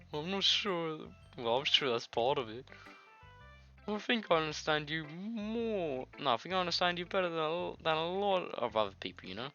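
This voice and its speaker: A man with a nasty cold, congested and coughing, does a jokey, giggly, informal let's-play, reading visual novel dialogue aloud and adding his own asides. His voice is on the high side, pushed and bright, with lively intonation at normal speed. The dull lo-fi mic picks up game music behind him.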